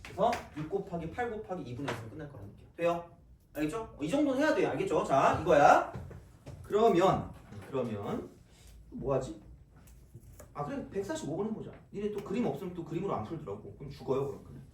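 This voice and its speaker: Lively male math teacher in an echoey classroom. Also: fairly high pitch, slight background noise. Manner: casual, joking, talks straight to students with quick asides. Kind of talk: recorded classroom math lecture. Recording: echoey classroom, mic at a distance.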